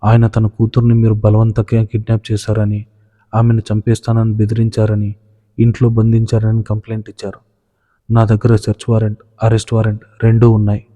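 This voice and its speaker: Casting: curt police inspector, read by a man, low dark level voice, hall reverb. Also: completely flat delivery, fairly quick, close to an everyday voice. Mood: stern. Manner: curt, official. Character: stern, harsh middle-aged police inspector.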